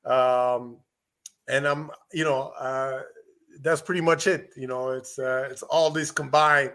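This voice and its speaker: Middle-aged male guest from Rwanda, bright tense tone, hesitant with fillers. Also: medium pitch, steady tone, slow pace. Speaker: guest entrepreneur. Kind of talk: interview answers.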